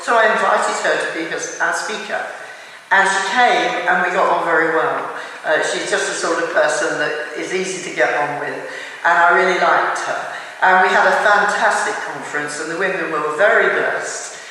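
An older English woman from England telling her personal testimony in an earnest, measured way, now and then restarting a phrase. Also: on the low side, bright, forceful tone. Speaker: church member giving testimony. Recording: echoey room from far off.

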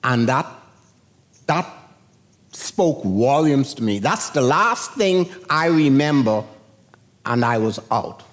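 An older man from the Bahamas, a pastor preaching a sermon and telling a personal story in a deliberate, storytelling way, acting out the voices he heard. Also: medium pitch, expressive.

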